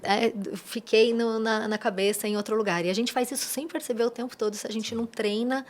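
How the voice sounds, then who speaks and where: A woman's voice: on the high side, fairly even intonation, fairly quick. A Brazilian woman mentor, a guest on a podcast, explaining her ideas in a teacherly way with playful asides. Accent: Brazilian Portuguese. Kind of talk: interview answers.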